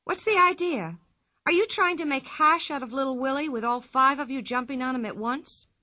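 A woman voicing a bold, cheerful young girl in a storybook reading, with a lively, playful lilt. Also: sits high, moderate pace, dry recording, studio quality, voice pushed up. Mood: cheeky.

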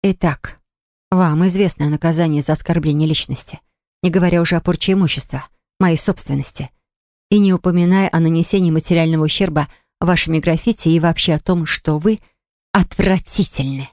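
A woman's voice: low-pitched, brisk, darkish tone, no echo, studio quality, lightly acted. A woman voicing an indignant young woman baker who speaks in a shaky, upset voice.

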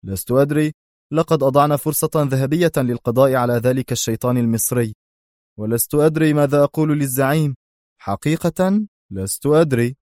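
For an audiobook, a man voices an indignant, hot-tempered mafia gunman, snapping out his lines. The medium-pitched voice is a little fast and a little mellow, pitched above his own but close to an everyday voice, with a dry, clean studio sound.

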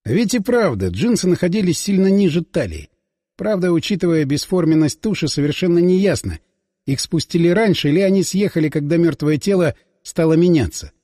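Husky male audiobook narrator. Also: on the high side, lively intonation, brisk, warm tone, no echo, clean studio sound, long reverb tail. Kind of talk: first-person audiobook narration.

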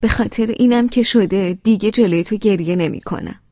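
A woman's voice: mid-range voice, a little mellow, no echo, big-room sound, lightly acted. A woman voicing a sensitive, stubborn young wife in an audiobook, hurt and pleading, in a dull lo-fi recording. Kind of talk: audiobook character reading.

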